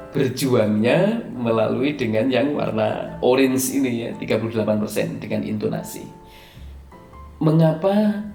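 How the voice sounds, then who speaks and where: Gravelly-voiced man lecturing in an echoey room. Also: medium pitch, darkish tone. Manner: explanatory, hesitant fillers, stresses key words. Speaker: presentation skills trainer. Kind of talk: recorded slide lecture. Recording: echoey room, faint music underneath.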